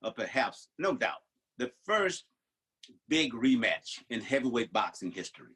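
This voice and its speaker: A man's voice: medium pitch, big pitch swings, unhurried, a bit bright, breathy edge, low-quality recording. An older man co-hosting a podcast in casual chat, telling stories and restarting his sentences often. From United States. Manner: rambling storyteller, many restarts. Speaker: podcast co-host.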